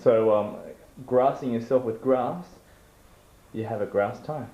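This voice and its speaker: A man's voice: mid-range voice, a little slow, slight background noise. A man asking long-winded, mock-formal questions in an improvised comedy interview. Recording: roomy and dull.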